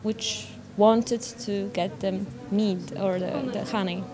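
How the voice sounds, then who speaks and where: A woman's voice: medium pitch, fairly even intonation, slow pace, a crowd in the background. A young woman with a Polish accent giving spontaneous answers in an interview as a student animator. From Poland. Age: young adult. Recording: background noise.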